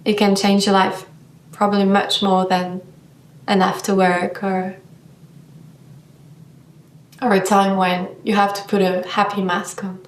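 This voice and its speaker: Female yoga teacher, vlog monologue, unhurried and searching for words, sits back from the mic. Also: medium pitch, level tone, echoey room, recorded from a distance, slight background noise. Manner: slow, thoughtful, searching for words.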